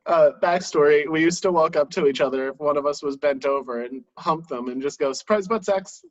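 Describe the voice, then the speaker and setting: A man's voice: on the high side, fairly quick, dull audio. A man in his thirties co-hosting a podcast, chatting casually with playful asides. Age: 30s. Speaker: podcast co-host. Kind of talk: casual chat.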